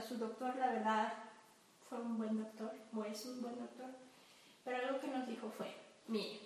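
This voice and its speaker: A woman's voice: fairly high pitch, slight background noise. A woman gives an informal, chatty talk to an audience, telling stories with asides. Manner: chatty, animated storytelling with asides and laughs. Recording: echoey room from far off.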